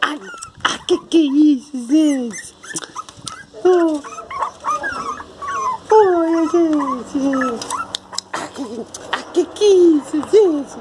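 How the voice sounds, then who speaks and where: A woman with a Brazilian Portuguese accent, cooing over puppies in drawn-out baby talk in a casual pet video. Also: high-pitched, lively intonation, background noise. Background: puppies whimpering and barking.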